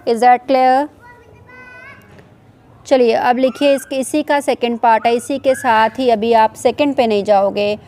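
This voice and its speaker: Woman teacher, mellow tone, slightly high voice, classroom dictation. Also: fairly even intonation, slight background noise. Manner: dictates slowly in English, then explains quickly in Hindi. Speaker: chemistry teacher. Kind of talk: classroom lecture dictating notes.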